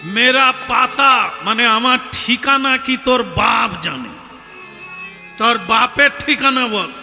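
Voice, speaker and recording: Male kirtan preacher, high and bright, slow dramatic delivery, music under him. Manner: animated, dramatic, addresses the audience directly. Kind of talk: devotional storytelling sermon. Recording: long hall reverb with music.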